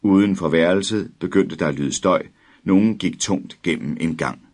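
Low-voiced guy reading a spooky story aloud, steady and measured. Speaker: narrator. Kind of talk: dramatic audiobook reading.

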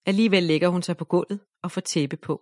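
A woman reading a children's story aloud in a gentle, even narration. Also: lowish voice, no echo, studio quality.

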